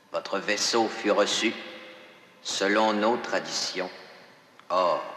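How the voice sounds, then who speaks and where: Casting: implacable alien chief justice, lowish forceful voice, formal and menacingly solemn, heavily echoed, science fiction dub. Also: male voice, exaggerated voice. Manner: solemn, formal, pronouncing sentence. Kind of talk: dubbed science fiction television drama. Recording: cavernous echo with long reverb.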